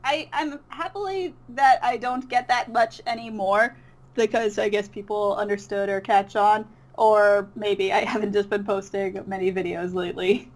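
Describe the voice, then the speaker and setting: A voice actor who makes comic dubs chats casually as an interview guest, giggly and hesitant in how she talks. Her mid-range voice has fairly even intonation and moves at a normal speed.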